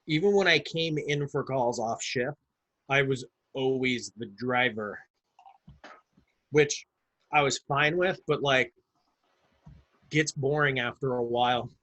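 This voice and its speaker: Co-host, man, mid-pitch: relaxed, dry delivery, casual swearing. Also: slow pace, long pauses, poor audio. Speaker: podcast co-host. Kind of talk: casual chat.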